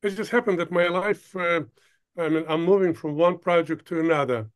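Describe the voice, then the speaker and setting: An older man from Ukraine, a producer, talking as an interview guest in a halting way, stopping often to search for words. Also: on the high side, clear, resonant tone. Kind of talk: casual interview talk.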